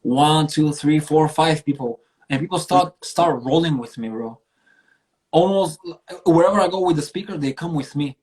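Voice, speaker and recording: On a low-quality recording, a Bulgarian singer and street performer tells stories as an interview guest, his voice on the high side with a darkish tone at a moderate pace. Earnest and emphatic, he talks casually with slang and a bit of swearing.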